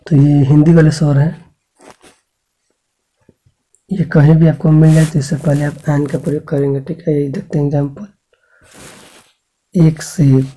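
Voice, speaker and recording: In a rough recording, a man with a warm, slightly rough voice on the high side leads an English grammar lesson for school students. He patiently spells out sounds, keeps checking in with the class, and answers the questions he poses.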